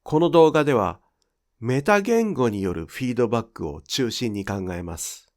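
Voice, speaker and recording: Male lesson narrator, clear and measured, very animated intonation. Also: medium pitch. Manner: clear, measured explanatory delivery. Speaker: Japanese pronunciation teacher. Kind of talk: scripted instructional narration.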